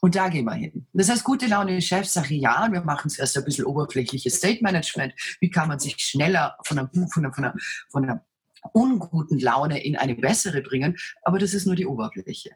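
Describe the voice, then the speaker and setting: Give this guest a woman's voice that is strikingly deep and low, with a heavily husky grain. She speaks as a self-assured leadership coach with a commanding presence, explaining her work conversationally in an interview. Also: animated, brisk. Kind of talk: conversational interview answers, storytelling.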